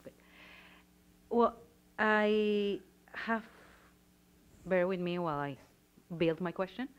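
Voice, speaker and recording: A woman's voice: medium pitch, slow, clean tone. A woman from Venezuela in the audience, earnestly building up a long question to the panel step by step. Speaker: audience member asking a question.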